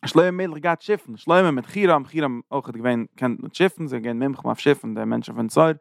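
A man, giving a rapid, animated Torah lesson full of Hebrew terms. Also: medium pitch, vocal fry, no echo, clean studio sound. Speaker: Torah teacher. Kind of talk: Yiddish-inflected Torah lesson.

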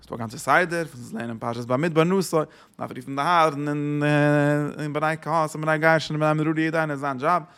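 A man's voice: a little high, steady tone, fairly quick, fairly bright tone, clean tone. A man giving a religious lesson who asks rhetorical questions and repeats his phrases. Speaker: Torah teacher.

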